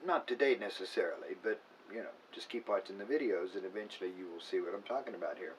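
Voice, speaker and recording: Man, very low voice, casual explainer, fillers and restarts, a bit off-mic, faint background hum. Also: fast talker. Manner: unscripted, self-correcting, with filler words. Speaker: acupuncturist. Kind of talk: casual educational talk. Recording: voice a bit far from the mic, faint room noise.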